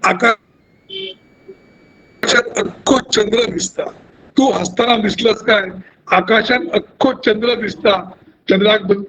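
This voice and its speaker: Malvani-accented male poet, high voice, repeated refrains, reading at a stage poetry event. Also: fairly bright tone, a little hiss or hum, rough recording. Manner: repeats refrains with rising emphasis. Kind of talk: poetry recitation.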